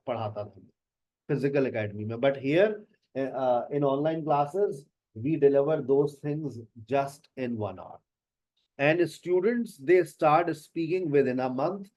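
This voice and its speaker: A male teacher giving an informal spoken English lesson at an unhurried pace, mixing Hindi and English as he talks straight to his students. The recording sounds dull and lo-fi. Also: mid-range voice, dark tone. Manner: chatty, mixes Hindi and English, addresses students directly. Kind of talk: casual lesson talk.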